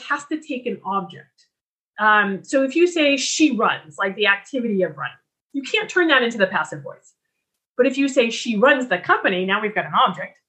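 Lively, bright-voiced woman teaching writing. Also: fairly high pitch. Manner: clear explanatory teaching with frequent restarts. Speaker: writing instructor. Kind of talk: recorded lecture.

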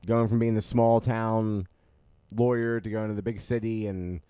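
A man's voice: on the low side, level tone, normal speed, mellow, smooth, no room sound. A man in casual podcast chat about movies, easygoing and hesitant, with frequent ums.

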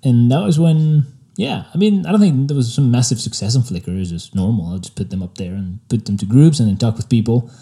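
Being interviewed about his photography, a young Spanish man with a French accent talks casually and thoughtfully, dropping plenty of fillers. He speaks at medium pitch, a little fast, with hardly any pauses.

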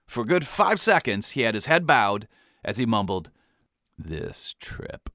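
A man from the US Midwest tells a comic family story. His pitch swings widely as he delivers deadpan, overblown asides. The tone is bright and the recording close and dry. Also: moderate pace, no echo.

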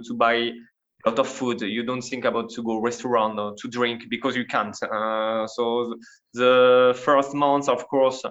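A man from France with a French accent, a blacksmith guest speaking in a casual interview, halting and searching for words with frequent laughs. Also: medium pitch, a bit bright, muffled recording.

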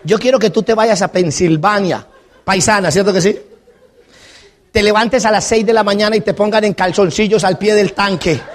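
A Colombian man with a noticeably high-pitched voice gives a lively motivational talk. He tells stories and jokes and keeps turning to the audience with questions. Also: normal speed. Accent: Colombian Spanish. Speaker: motivational speaker. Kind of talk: live storytelling talk to an audience.

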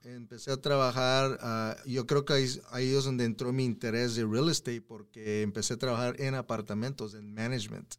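A man's voice: medium pitch, steady tone, normal speed, few pauses, clean tone. A man in his thirties from Houston, Texas, a podcast guest talking casually in Spanish and dropping in English words. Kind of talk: casual interview chat.

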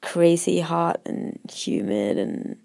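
A woman travel vlogger, a non-native English speaker, talks casually and hesitantly to her followers in a gravelly voice, hoarse from a cold. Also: lowish voice, monotone, slow, warm tone, dry recording, studio quality. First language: not English. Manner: informal, rambling, hesitant.

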